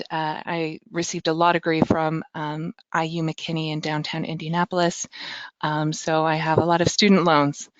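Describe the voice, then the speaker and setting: An American woman speaks in front of an audience in an informal, conversational presenting style. Her voice sits a little low for a woman. The sound is dry and slightly muffled, with hardly any room in it. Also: clear, resonant tone, dry recording. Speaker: legal director and invited speaker.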